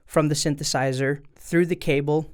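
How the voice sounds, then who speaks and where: The speaker is a man whose voice sits on the high side, with fairly even intonation and a normal pace. He's presenting an informal, step-by-step tutorial straight to viewers from his desk indoors, using a studio mic through an audio interface.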